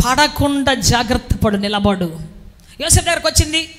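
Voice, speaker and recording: A woman preaching a sermon, acting out little stories and breaking into shouted exclamations. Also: high-pitched, lively intonation, moderate pace, long reverb tail.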